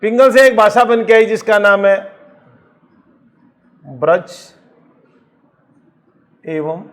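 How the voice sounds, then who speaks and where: A male teacher with a Rajasthani accent gives an exam-prep lecture in a high-pitched, animated voice. He explains things slowly, repeats the key points, and answers his own questions.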